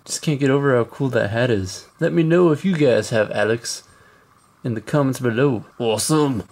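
A man's voice: mid-range voice, moderate pace, a little mellow. A man hosting his own channel, giving playful, jokey commentary over mobile gameplay and talking straight to viewers. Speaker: mobile game channel host.

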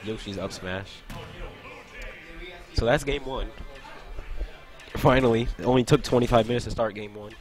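This young man commentates a video game tournament stream in a mid-range voice at normal speed, pausing often. Loud game music plays behind him as he chats loosely, laughs a lot and answers chat between plays.

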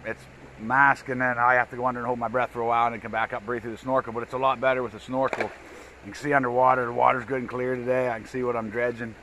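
A man's voice: mid-range voice, flat delivery, quick pace, sharp tone, a little hiss or hum, rough recording. A man, chatting loosely in an outdoor vlog by a river, speaking into an action camera. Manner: rambling, folksy, repeats himself. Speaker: gold prospecting vlogger. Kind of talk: casual outdoor vlog narration.

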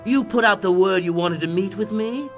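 A man's voice: sits high, normal speed, faint music behind. A man voicing a gleeful, menacing clown crime lord in a comic-book drama, theatrical, sardonic and taunting. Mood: mocking. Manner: theatrical, drawling, sardonic, cackling.

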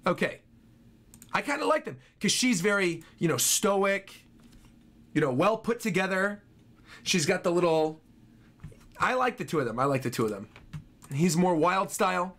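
With game trailer music in the background, a young man reacts to trailers on stream from a small room at home, casual and enthusiastic, repeating his phrases. His high, slightly bright voice swings widely in pitch at normal speed, broken by long pauses.

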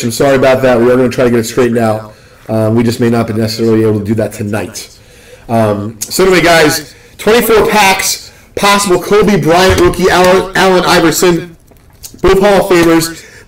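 A young man from the Northeast US hosting a live card-opening stream, rambling and joking with excitement. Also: fairly high pitch, low-quality recording. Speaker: card break host.

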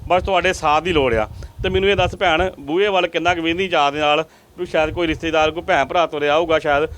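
A man's voice: a little high, fairly even intonation, fast talker, a bit bright. A male field reporter making repetitive, pleading appeals to viewers during a charity interview in a family's rented home.

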